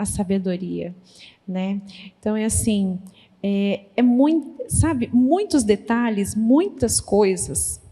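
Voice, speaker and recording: A woman pedagogue giving a lively talk at a church conference, speaking straight to the audience and acting out little conversations. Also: medium pitch. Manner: lively, addresses audience directly; acts out quoted conversations. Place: church hall. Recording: long reverb of a large hall.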